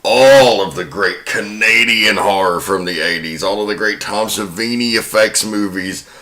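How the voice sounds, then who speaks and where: Dramatic and storyteller-like, a male podcast host narrates a film plot from a script and joins a round-table discussion of film. His voice is on the low side, unhurried, bright and forceful. Faint music plays under a roomy echo.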